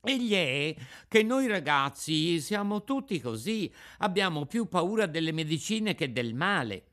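A man voicing a stubborn, whining wooden puppet boy in a storybook reading, pitched well above his own voice. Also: sing-song, measured pace, a bit bright. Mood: cheerful. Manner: whining, shrill protests.

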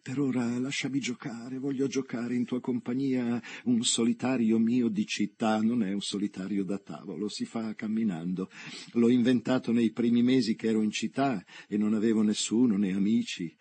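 A man voicing a sick, brooding young woman who talks slowly and in a musing way. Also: medium pitch, fairly even intonation, warm tone, husky, lightly acted. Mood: wistful.

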